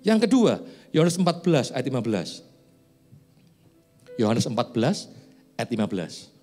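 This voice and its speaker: A man's voice: mid-range voice, big pitch swings, moderate pace, darkish tone, soft background music. A man in his forties preaching as a pastor in a church, chatty and joking between pointed, rising questions to the congregation. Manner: conversational, joking asides, rising emphatic questions. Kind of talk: sermon. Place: church sanctuary.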